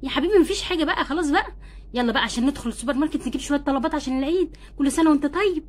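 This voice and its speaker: A woman voicing a caring, brisk young wife doll in an Egyptian Arabic accent, coaxing and a little bossy. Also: sits high, lightly acted. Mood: reassuring. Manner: coaxing, bossy but tender. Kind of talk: doll play acting.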